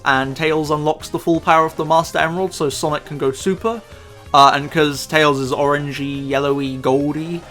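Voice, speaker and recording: A man's voice: on the high side, a bit bright. A man ranting about a film in sarcastic, profane, exasperated commentary. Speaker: YouTube commentator.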